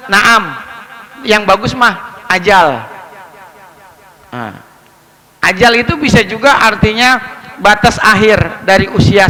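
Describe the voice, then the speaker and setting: A man preaching a lively, humorous sermon, joking with and questioning his congregation. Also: high-pitched, long reverb tail, rough recording.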